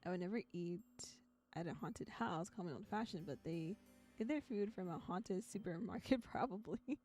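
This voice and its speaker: A woman streams a visual novel, alternating between reading the text aloud and tossing in casual commentary in a chatty, giggly way. Her voice is lowish, mellow, and moderately paced, with music playing behind her.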